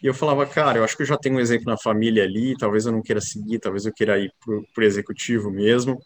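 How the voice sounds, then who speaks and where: A man, a company co-founder talking casually as an interview guest, relaxed and rambling with many fillers. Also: on the low side, racing. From interior of São Paulo state, Brazil.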